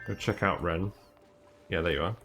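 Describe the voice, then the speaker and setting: A man streams a game with casual commentary, rambling, thinking aloud and dropping fillers and small laughs while faint music plays behind him. His voice sits low and sounds pushed and bright, at a moderate pace.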